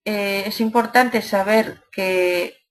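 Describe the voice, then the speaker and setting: A woman with a Spanish accent from Spain, teaching an exam review lesson in a steady, methodical way with frequent hesitations. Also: mid-range voice, slow pace.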